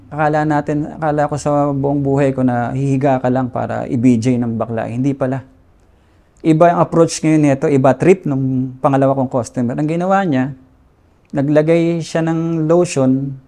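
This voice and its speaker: A man's voice: mid-range voice, dark tone. A man in his forties from the Philippines, candidly telling his personal story as an interview guest and acting out remembered dialogue. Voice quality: casual confessional tone with reenacted dialogue.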